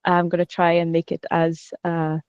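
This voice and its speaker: A woman's voice: fairly low pitch, monotone, normal speed, darkish tone, clear, resonant tone, no echo. A woman with an Irish accent, a program coordinator giving a friendly online presentation, explaining step by step with filler sounds. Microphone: video call. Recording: dull lo-fi video call audio.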